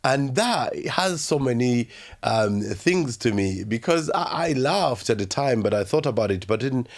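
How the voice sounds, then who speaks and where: As an interview guest, a young man with a Ugandan accent tells his story haltingly and reflectively, leaning on plenty of fillers. His voice is medium in pitch with lively intonation.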